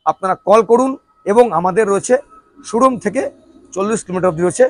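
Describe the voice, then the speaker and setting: A man giving an emphatic, repetitive promotional sales pitch like an announcer, as a showroom promoter. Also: quick pace, darkish tone, dry recording, faint music behind. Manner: emphatic, repetitive announcer-like delivery with rhetorical questions. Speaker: showroom promoter presenting e-rickshaws.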